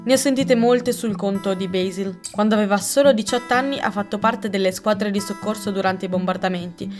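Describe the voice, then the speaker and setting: A woman reading aloud and voicing a shrewd, gentle elderly spinster who speaks in a calm, measured way. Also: medium pitch, faint music behind, lightly acted.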